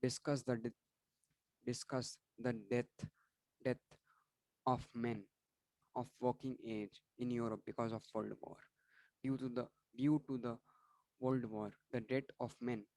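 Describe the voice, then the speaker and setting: A man's voice: medium pitch, little pitch movement, measured pace, long pauses, a little mellow, no room sound, low-quality recording. A man going through exam questions and answers for students in an online revision lesson, often restarting words and apologizing for slips. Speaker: online tutor.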